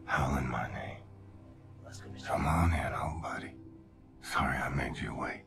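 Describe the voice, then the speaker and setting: An actor playing a gravely wounded, delirious soldier in a video game, musing wearily in a breathy, gravelly whisper. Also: male voice, extremely low pitch, a little slow, over loud music, heavily acted. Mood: delirious, resigned. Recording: loud game noise behind the voice.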